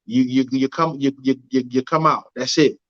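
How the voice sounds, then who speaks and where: Laid-back and steady, a male livestream host reads viewer comments in casual talk, his mid-range voice at a moderate pace. He keeps asking "you know what I'm saying." The sound is lo-fi.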